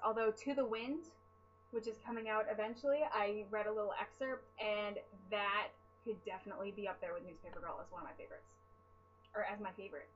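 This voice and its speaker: A woman's voice: medium pitch, fairly bright tone, muffled recording, slight background noise. A young woman chatting casually to camera while answering fan questions, rambling and self-deprecating, tired from lack of sleep. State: sleep-deprived. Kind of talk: casual chat.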